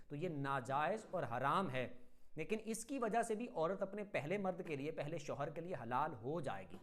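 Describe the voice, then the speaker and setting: A man's voice: fairly high pitch, a bit bright. A man from Pakistan giving a religious lesson as an Islamic teacher, firm and methodical, running through example phrases one after another. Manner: firm, instructive.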